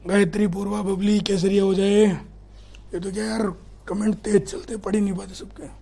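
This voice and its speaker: A man's voice: high-pitched, level tone, normal speed, gravelly, dark tone, breathy edge. A middle-aged man with a Rajasthani accent, teaching history in a live online class, reading out student comments and quizzing them in a chatty, teasing way.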